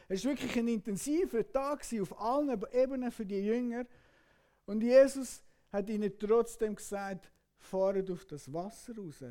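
A man preaching a sermon. He retells a story dramatically, moving between loud outbursts and hushed passages. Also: high-pitched.

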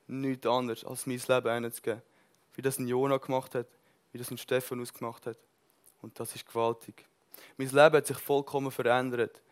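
A man preaching a sermon with passion, swinging between loud bursts and soft, earnest lines, and mixing in English words. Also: medium pitch, flat delivery, brisk.

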